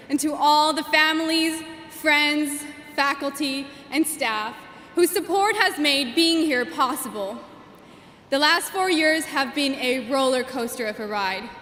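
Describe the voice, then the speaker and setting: A Gujarati-speaking woman in her twenties, with a high, slightly bright voice, delivers a commencement speech as class valedictorian at a podium microphone. Her tone is earnest and measured, with emphatic phrasing. The recording comes from a large commencement hall with heavy echo and long reverb.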